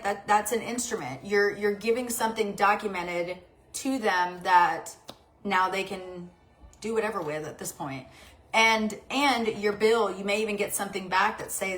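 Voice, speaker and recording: A woman's voice: mid-range voice, fairly bright tone. A woman vlogger in casual chat, rambling and confiding, often stuttering and restarting her sentences.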